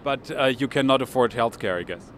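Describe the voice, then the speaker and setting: Brief: man, 40s, German accent, street reporter with a handheld mic, halting English, faint street noise behind. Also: mid-range voice, fairly bright tone. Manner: hesitant, many ums and uhs in English. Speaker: finance correspondent and interviewer. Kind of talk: street interview, report to camera. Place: outdoors on a city street. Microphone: handheld microphone.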